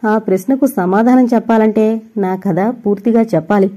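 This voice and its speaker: A woman's voice: mid-range voice, moderate pace, dark tone, lightly acted. A woman voicing a proud young female typist in a storybook reading, speaking curtly and with restraint. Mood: strained.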